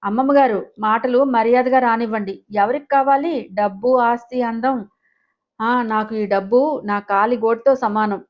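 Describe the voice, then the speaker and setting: A woman's voice: fairly high pitch, fairly even intonation, normal speed, muffled recording, close to an everyday voice. Woman playing a proud defiant young wife. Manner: sharp, defiant.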